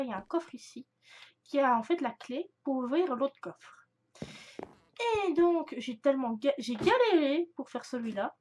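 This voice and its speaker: A woman's voice: sits high, a little hiss or hum. A young woman chatting casually through a gaming video, rambling with many fillers and restarts. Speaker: gaming youtuber. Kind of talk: casual let's-play commentary.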